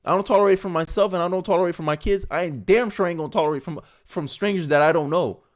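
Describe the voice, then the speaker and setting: A man's voice: high-pitched, rapid-fire. A man giving blunt, heated reaction commentary as an online host, emphatic and repeating his points.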